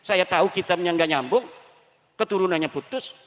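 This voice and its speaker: A man from Banten preaches with a fairly high voice, tossing question after question to the crowd. His sermon rings through a hall with a long reverb tail. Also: normal speed. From Banten, Indonesia. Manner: lively, fires rhetorical questions at the audience. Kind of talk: sermon to a gathering. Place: Islamic boarding school gathering.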